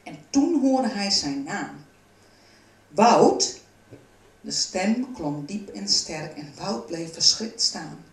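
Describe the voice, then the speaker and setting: A woman reading a children's storybook aloud in a calm, even narrating voice. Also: lowish voice, slow, hardly any pauses. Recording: roomy, from a distance.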